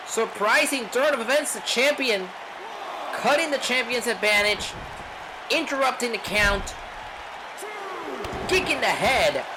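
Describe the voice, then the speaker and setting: A man doing live pro wrestling play-by-play commentary in short clipped calls and dramatic rhetorical questions. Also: extremely high pitch. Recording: noisy venue with loud crowd. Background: crowd noise.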